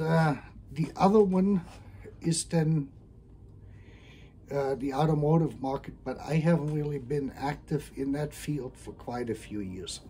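A middle-aged man from Germany, talking casually and hesitantly about his engineering background, with frequent pauses and restarts. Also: medium pitch, mellow, a little hiss or hum. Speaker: hardware engineer, channel host. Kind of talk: casual talk to camera.

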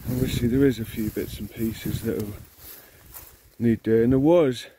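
A man's voice: mid-range voice, steady tone, unhurried, warm tone, slight background noise. A man walking around an old machine outdoors, thinking aloud in a casual, rambling way with many ums and restarts, filmed on a handheld phone. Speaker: vintage combine owner filming his machine. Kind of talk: casual walk-around narration. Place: outdoors in an overgrown field beside an old combine.

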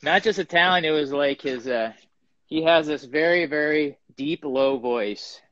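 A man's voice: mid-range voice, unhurried, lo-fi sound, a loud crowd. A man talking casually from his pottery studio over a live video stream, rambling with lots of ums as he shows his work. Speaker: guest ceramic artist. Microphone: phone or webcam on a live video stream.

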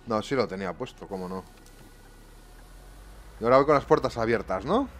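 A gaming YouTuber commentates his bus-driving gameplay live from a room at home, swearing often and grumbling exasperatedly to his viewers. His fairly low voice has lively intonation, a fairly bright tone and a slightly fast pace. Slight background noise is audible.

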